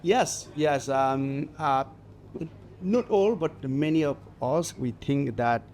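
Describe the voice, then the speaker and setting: A man in his forties from Nepal, speaking with a Nepali accent, talking haltingly with many fillers as a guest on a festival stage interview. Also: on the high side, darkish tone, slight background noise. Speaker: guest mountaineer.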